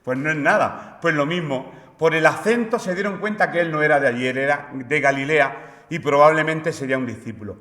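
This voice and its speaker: A man's voice: a little high, a little fast, fairly bright tone. A man with a Spain Spanish accent preaching a sermon in a conversational way, asking rhetorical questions. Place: church hall. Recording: echoey church hall.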